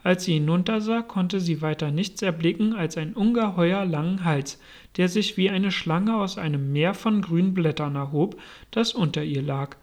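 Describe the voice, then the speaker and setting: A narrator reading a classic storybook aloud in a measured way. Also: mid-range voice, a little mellow.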